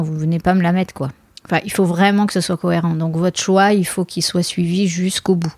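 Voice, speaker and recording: A woman who plans weddings, giving casual advice in a chatty way with many small pauses and asides. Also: on the low side, darkish tone, no room sound, clean studio sound. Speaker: wedding planner. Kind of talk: casual podcast talk.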